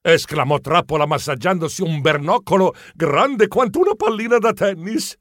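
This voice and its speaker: A man narrating a comic children's story in the first person, in an animated, expressive telling. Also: high voice, moderate pace, dry recording, studio quality. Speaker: audiobook narrator.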